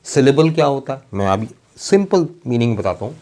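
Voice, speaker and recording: Man slowly lecturing on grammar. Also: medium pitch, big pitch swings, warm tone. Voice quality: slow, drawn-out emphasis on example words. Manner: explains patiently, spells words out slowly letter by letter, checks understanding often. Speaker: English teacher. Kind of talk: classroom lecture.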